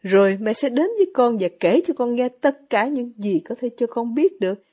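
A woman's voice: on the high side, moderate pace. A woman voicing a gushing fussy mother. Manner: gushing, excitable. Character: middle-aged mother, effusive, gushing, fussy.

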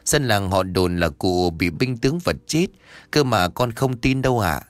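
A man voicing a cheeky, flattering young male ghost who talks politely and pleadingly to an elder. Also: lowish voice, a little slow, no room sound.

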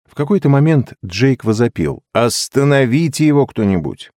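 A man narrates a novel aloud with expressive first-person delivery. His voice sits low with a dark, mellow tone. The sound is dry and close. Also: dry recording. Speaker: audiobook reader. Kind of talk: literary audiobook narration.

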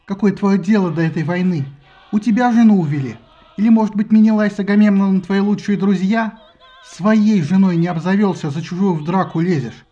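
A fussy divine mother nags and scolds in a raised, loud voice, as a man puts her on in a storybook reading. She turns syrupy and fawning toward her betters. The recording sounds dull and lo-fi. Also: sits high, moderate pace, faint music behind, natural voice. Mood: scolding. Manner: scolding shrilly, fawning to superiors.

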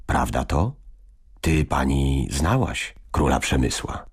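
A man voicing a young, admiring lady-in-waiting who gushes eagerly in hushed tones. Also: extremely low pitch, expressive, slow, husky, full character voice. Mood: gushing.

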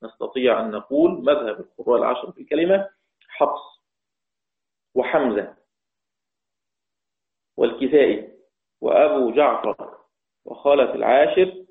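A man with an Egyptian accent teaching the variant Quran readings, repeating each phrase and chanting the quoted verses slowly. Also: medium pitch, creaky. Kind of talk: religious lesson explaining readings. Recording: echoey, tinny phone-like sound.

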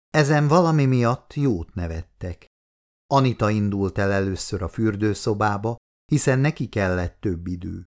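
Calm low-voiced male audiobook narrator. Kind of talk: scripted narration.

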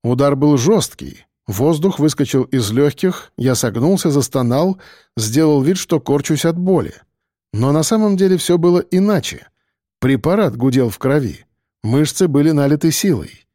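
Male audiobook narrator, first-person, steady tense telling, slightly higher voice, dry close sound. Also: normal speed, dry recording.

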